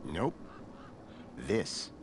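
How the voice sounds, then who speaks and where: A man's voice: very slow, background noise. A man playing a wry, persistent adventure game hero, no longer young, with a dry conversational delivery. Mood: wry, bargaining. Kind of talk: video game voice acting and first-person narration.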